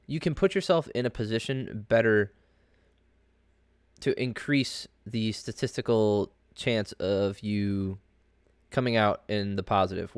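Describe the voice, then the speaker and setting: Male sports podcaster, low and clean-toned, sick with a cold, informal rambling delivery, close dry sound. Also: smooth, no echo. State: under the weather, congested with a cold. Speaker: podcast host. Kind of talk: casual solo sports commentary.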